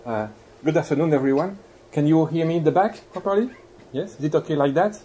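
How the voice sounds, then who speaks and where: In a lecture room, a Belgian-accented guest lecturer gives a courteous, explanatory university talk, posing questions to his listeners. His fairly high voice is warm and quick, and the low-quality live recording has clear background noise.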